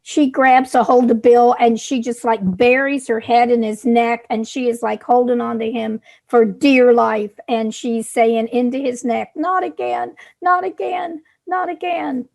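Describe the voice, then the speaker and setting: A woman's voice: fairly high pitch, level tone, unhurried, vocal fry, few pauses, warm tone. A woman player in a tabletop game, dramatically narrating what her character does.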